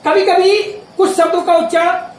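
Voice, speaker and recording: Male teacher with a high voice, carefully spelling out each word, recorded from a distance with faint hiss behind. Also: little pitch movement. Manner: deliberate, emphatic enunciation of sample words. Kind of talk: grammar lesson with demonstrations. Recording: echoey room, voice from a distance, faint ambient hiss.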